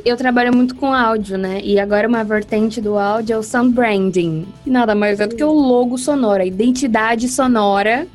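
A woman's voice: a little high, a little fast, few pauses, darkish tone, soft background music. A woman co-hosting a casual podcast who works in radio, jokey and slangy, laughing a lot. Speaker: podcast co-host.

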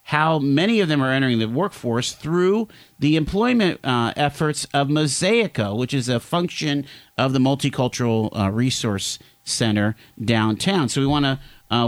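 A late-fifties man hosts a radio interview in a lively, rising and falling voice. He talks in a chatty, halting way, full of fillers and restarts. His pitch sits a little high for a man. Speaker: interview host.

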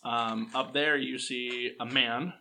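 A young man narrates a tabletop game as its game master. His voice is bright, and he hesitates often with ums and uhs. A faint noise sits under the recording. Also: medium pitch, steady tone, slow pace, gravelly.

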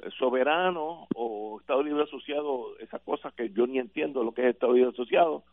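A man's voice: mid-range voice, a little fast, dry recording. An older Puerto Rican man holds forth on a radio talk show, emphatic and full of "eh" fillers as he builds his case. His voice is completely dry, with no room sound at all, and it comes through a thin, phone-like band. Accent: Puerto Rican Spanish. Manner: emphatic, argues point by point with many fillers. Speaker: radio panelist.

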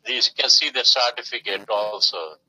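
A man being interviewed, telling his story in a halting way with many fillers and pauses. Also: medium pitch, pushed and bright, slightly rough, poor audio. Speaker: interview guest. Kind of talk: casual phone interview.

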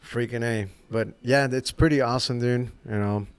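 A man's voice: mid-range voice, moderate pace, smooth, no echo. A man hosting a podcast, a barber telling shop stories in casual chat, swearing freely and acting out quotes. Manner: swears freely, animated storytelling with acted quotes. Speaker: podcast host.

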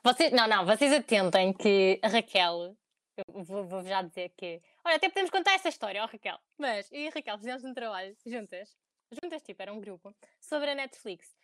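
A woman's voice: mid-range voice, animated, fairly quick, no room sound, studio quality. A young woman with a European Portuguese accent, co-hosting a podcast in a joking, teasing chat. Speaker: podcast co-host. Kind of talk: casual chat.

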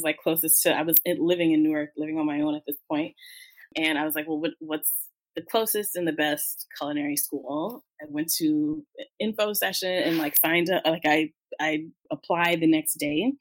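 A woman telling her story in an interview, talking through tears, halting with many fillers. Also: low-pitched, low-quality recording. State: tearful. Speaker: guest.

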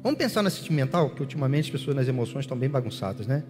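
A man's voice: mid-range voice, big pitch swings, racing, over music. Man preaching in a reverberant hall. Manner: leads the congregation in prayer, acting out prayers aloud. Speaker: pastor. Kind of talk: sermon.

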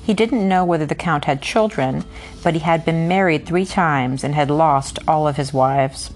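A woman's voice: low-pitched, moderate pace. A woman reading a novel aloud in first person and then talking it over in a hesitant, filler-laden way. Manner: hesitant in commentary, many fillers. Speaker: reader and book commentator.

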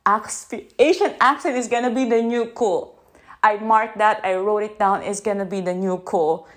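A woman with a Filipino accent hosting an unscripted podcast into her phone, gently guiding breathing and then talking in a halting way with many restarts. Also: mid-range voice, steady tone. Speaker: podcast host.

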